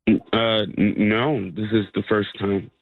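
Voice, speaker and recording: A man calling into a radio show over speakerphone, speaking in a halting, stammering way. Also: fairly low pitch, flat delivery, no room sound. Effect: heard over speakerphone on a phone line. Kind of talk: casual phone chat. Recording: tinny phone line.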